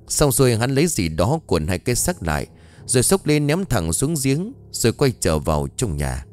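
A man narrating a horror audiobook with dramatic, expressive delivery. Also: on the low side.

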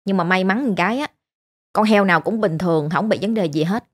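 A woman with a Southern Vietnamese accent telling a story in a chatty, animated way. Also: mid-range voice, a little fast, slightly rough. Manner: chatty, animated, imitates pig squeals. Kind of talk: casual storytelling narration.

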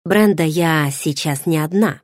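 A woman's voice: sits low, measured pace, dry recording, clean studio sound. A woman voicing a guarded young heroine who replies with hesitant, restrained answers.

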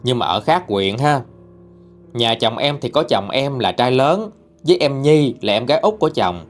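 A man with a Southern Vietnamese accent narrates ghost stories in a chatty, colloquial way. His mid-pitched voice rises and falls a lot, and faint music plays underneath. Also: animated, normal speed. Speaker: storyteller reading listener-sent ghost stories. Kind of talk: spoken ghost story narration.

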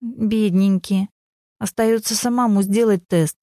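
A woman's voice: mid-range voice, measured pace, dark tone, no room sound, close to an everyday voice. A woman reading a dry sarcastic young mother. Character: sardonic young mother, cool and dismissive.

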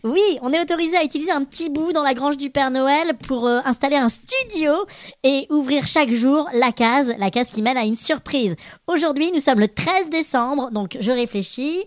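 A woman's voice: high-pitched, moderate pace, lightly acted. A woman playing a cheerful little Christmas elf who hosts a children's podcast with bubbly, playful chatter. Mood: cheerful, welcoming. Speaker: podcast host.

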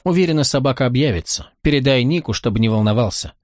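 A man reading an audiobook, voicing a kind mother who chats in a gently worried way. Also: mid-range voice, expressive, fast, dry recording, studio quality, close to an everyday voice. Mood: chatty. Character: kind warm mother, woman in her thirties.

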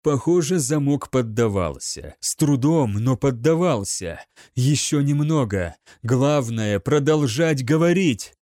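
A man's voice: mid-range voice, lively intonation, slow pace, hardly any pauses, warm tone, no room sound, clean studio sound. A man reading an audiobook with dramatic, scripted narration. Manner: dramatic storytelling.

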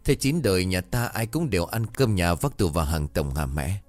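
Man doing cheeky teen daughter, teasing, questioning, low voice, faint music. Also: very animated, normal speed, darkish tone, no room sound.

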